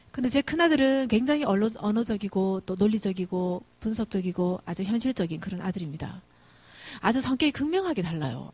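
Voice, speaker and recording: Brief: female church speaker, husky, animated anecdotal sermon. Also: mid-range voice, no echo. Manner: lively storytelling, humorous family anecdotes. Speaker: guest speaker at women's mission devotion service.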